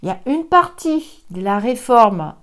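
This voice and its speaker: An older woman talks through a psychic card reading in an unhurried, chatty way. Her voice sits slightly high, and she laughs easily between remarks. Now and then she drops into a whisper. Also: big pitch swings, fairly bright tone. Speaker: psychic reader. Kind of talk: casual tarot reading chat.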